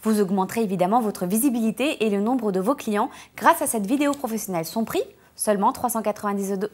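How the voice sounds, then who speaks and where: A woman's voice: on the high side, fast, darkish tone, slight background noise. A woman presenting a segment of local business adverts on a talk show. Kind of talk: reading ad announcements.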